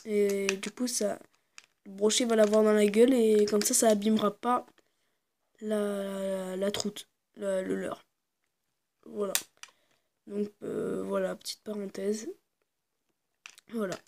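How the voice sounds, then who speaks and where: A woman casually presenting her fishing lures to the camera, hesitant and full of fillers, sometimes dropping into quiet asides. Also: medium pitch, fairly even intonation, slow pace, vocal fry, pauses often, a little hiss or hum. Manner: hesitant, constant fillers and "voilà"; drops into quiet muttered asides. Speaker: fishing video maker.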